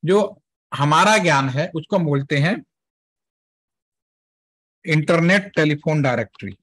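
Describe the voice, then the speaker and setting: A man's voice: a little high, animated, a little slow, a bit bright. Man teaching networking in Hindi-English mix. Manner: conversational, explaining step by step with Hindi-English mixing; asks students checking questions. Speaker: networking trainer. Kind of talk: classroom lecture with software demo.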